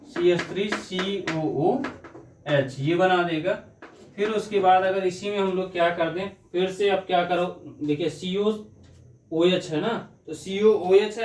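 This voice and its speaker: A man's voice: high-pitched, a little mellow. A male chemistry teacher giving a lecture, working through reactions step by step and asking himself questions as he goes. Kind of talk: classroom lecture on organic chemistry. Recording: echoey room, voice from a distance.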